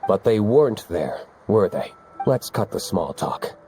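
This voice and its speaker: An actor playing a curt, cold knight in a game, talking in a blunt, dismissive way. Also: male voice, fairly low pitch, big pitch swings, measured pace, warm tone, faint music behind.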